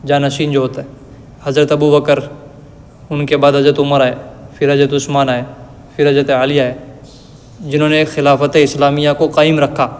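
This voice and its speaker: A man giving a religious lesson, reciting verses slowly and then explaining them in plain everyday words. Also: fairly high pitch. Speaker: Quran teacher. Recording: long reverb.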